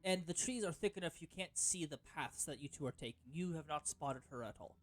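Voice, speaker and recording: A man's voice: on the high side, fairly quick. A man narrating as game master of a tabletop game, rambling with many fillers and self-corrections.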